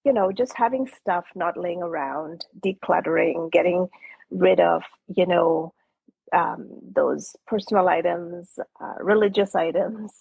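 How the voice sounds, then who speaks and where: A woman's voice: lowish voice, a little slow, gravelly, slightly rough, no room sound, narrow, tinny audio. A woman real estate agent hosting a casual interview, chatty and full of fillers and restarts.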